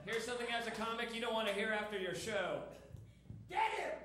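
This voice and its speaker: A man's voice: high-pitched, fairly even intonation, fast talker. A man in his thirties doing a conversational, punchy stand-up set and talking right to the crowd. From half Irish, half Filipino background. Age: 30s. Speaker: stand-up comedian. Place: comedy club stage. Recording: echoey noisy comedy club.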